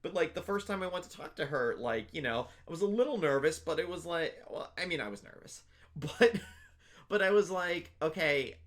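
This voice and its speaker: A man's voice: on the high side, lively intonation, moderate pace, fairly bright tone. A young man chatting as an interview guest, rambling with lots of fillers and restarts. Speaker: interview guest, convention panelist. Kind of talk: casual interview chat.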